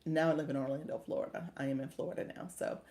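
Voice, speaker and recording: A woman's voice: sits low, steady tone, quick pace, warm tone. A woman from Chicago hosting a casual livestream, upbeat and thanking viewers, calling them friend. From Chicago, US Midwest. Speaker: livestream coach and host. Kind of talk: casual livestream chat reading viewer comments.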